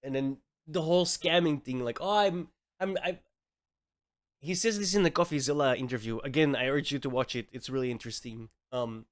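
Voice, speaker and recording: He talks fairly quickly in a mid-range voice, with no echo in the recording. A Belgian native Dutch speaker with a Belgian Dutch accent, he swears a lot while ranting heatedly in reaction to a clip shown on his stream.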